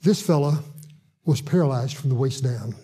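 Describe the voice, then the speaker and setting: A man who visits hospitals to evangelize, telling a testimony in an earnest way and slowing down for emphasis. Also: mid-range voice, dark tone, husky. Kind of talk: testimony storytelling.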